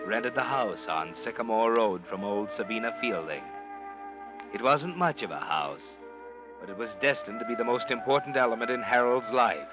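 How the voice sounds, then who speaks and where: An actor playing an ominous, all-knowing narrator of dark tales in a vintage radio mystery, brooding and theatrical. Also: male voice, medium pitch, natural voice. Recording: dull vintage radio recording. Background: dramatic music.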